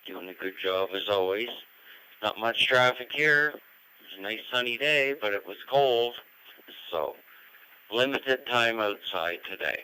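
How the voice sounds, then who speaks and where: A man giving a brief, matter-of-fact check-in over amateur radio in a measured way. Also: mid-range voice, expressive, bright, forceful tone, clean tone, low-quality recording. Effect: amateur radio transmission.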